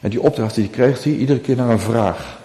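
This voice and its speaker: Dutch-speaking preacher in a reverberant hall. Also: male voice, medium pitch, brisk, warm tone. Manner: earnest, acts out quoted dialogue with rising emphasis. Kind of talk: sermon.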